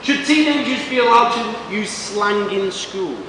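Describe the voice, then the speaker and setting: Sitting high and unhurried, the voice belongs to an English man from Manchester who teaches English through short, simple sentences and questions for his students. The lecture is recorded from afar, with classroom echo and background hiss.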